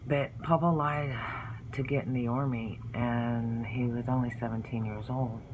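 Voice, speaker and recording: A man's voice: medium pitch, fairly even intonation, unhurried, noisy background. A man telling family stories in a vlog, partly reading from his book, in an earnest and heartfelt way. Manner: earnest, heartfelt, religious storytelling. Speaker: vlogger.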